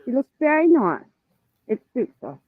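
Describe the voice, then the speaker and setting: Her high voice has a sing-song lilt and a breathy edge, moving at a moderate pace with no room sound. Calling into a livestream on tinny earbuds, with dry phone-like audio, she is getting a cold and sounds blunt, dry and worn out.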